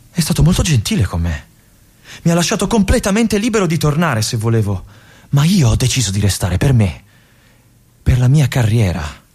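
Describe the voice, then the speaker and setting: A restless young army lieutenant, trapped in a remote fortress and brooding alone in a theatrical radio monologue. His husky, breathy voice often sinks to a whisper, with a lively, wide-ranging pitch that swings between hushed musing and agitated outbursts. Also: full character voice. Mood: wistful. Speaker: stage actor.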